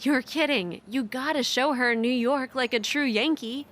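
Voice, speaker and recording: A woman's voice: high-pitched, measured pace, fairly bright tone. An actress playing a confident young woman with a playful, self-assured manner in a scripted English dialogue scene. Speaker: dialogue character.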